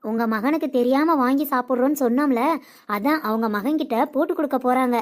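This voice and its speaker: A woman's voice: high voice, fast, close to an everyday voice. A woman voicing a cheeky, teasing young wife who talks back to her mother-in-law in a cartoon. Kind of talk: cartoon comedy voice acting.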